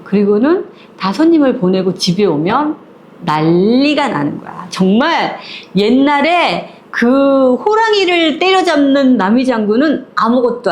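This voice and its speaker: A woman retelling a short story in a casual, chatty way, acting out the characters as she goes. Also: mid-range voice. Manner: lively, chatty, acts out the characters.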